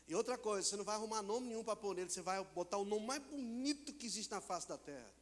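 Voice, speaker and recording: High-voiced Brazilian preacher in echoing hall. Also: male voice, fast talker. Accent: Brazilian Portuguese. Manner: animated preaching, acts out dialogue in voices. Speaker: pastor. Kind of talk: sermon. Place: church hall. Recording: long church hall reverb.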